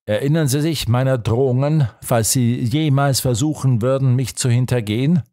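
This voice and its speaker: A man reading the part of a menacing nobleman officer in an audiobook, his threats dark and rumbling. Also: moderate pace, natural voice. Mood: accusing.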